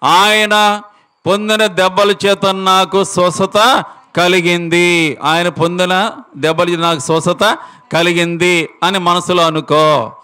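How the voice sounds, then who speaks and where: A male preacher voicing a calm, kindly pastor who gives fatherly instructions in a gentle tone. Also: high-pitched, slow pace, long pauses, clear, resonant tone, exaggerated voice.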